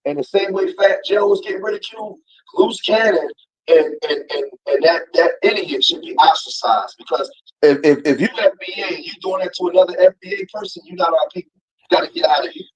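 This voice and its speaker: Man in his forties, preachy streetwise talk, husky voice, phone call, gets heated. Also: high voice, fairly quick. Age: 40s. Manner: preachy, grows heated and louder. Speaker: guest. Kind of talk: casual talk on a livestream.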